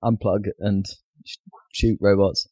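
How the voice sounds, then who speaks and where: A man co-hosting a gaming podcast, trading wry, quick banter. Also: on the low side, flat delivery, darkish tone, no echo. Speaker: podcast co-host. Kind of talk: casual chat about video games.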